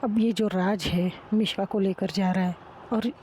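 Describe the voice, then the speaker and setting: A woman's voice: mid-range voice, steady tone, mellow, slight background noise, natural voice. Woman playing a teasing young man. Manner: playful, drawn-out, teasing.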